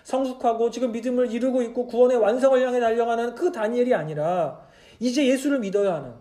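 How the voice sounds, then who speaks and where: A man's voice: very high-pitched, fast, warm tone. A male pastor preaching a midweek church sermon, asking the congregation many rhetorical questions. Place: church service.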